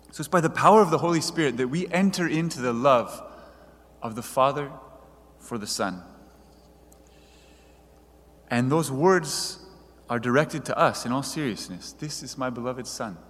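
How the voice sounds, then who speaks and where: A man preaching a sermon in an earnest, measured way, reading quoted passages aloud. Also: mid-range voice, a bit bright, big-room sound.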